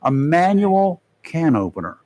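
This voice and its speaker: A man's voice: on the high side, very animated, a little slow, dark tone. A man hosting a local radio talk show, reading safety tips with folksy, joking asides. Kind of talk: casual radio talk and read-out segment. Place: radio studio.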